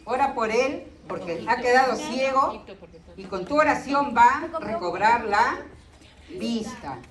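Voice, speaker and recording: A commanding divine man speaking out of a blinding light, played by a woman reading a story. His orders come firm and slow. The voice sounds distant in an echoey room with a crowd behind. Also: on the high side, lively intonation.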